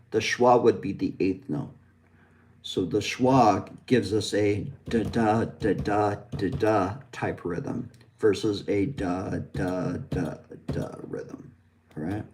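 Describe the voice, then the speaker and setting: A West Coast American with a fairly low, slightly mellow voice gives a lesson on English vowel sounds. He explains them patiently, modeling every sound as he goes.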